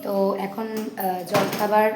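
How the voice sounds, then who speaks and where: A woman with a hoarse voice chatting casually in a home vlog, often stopping to talk to her baby. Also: mid-range voice, little pitch movement, measured pace, echoey room, loud music behind the voice. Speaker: vlogger.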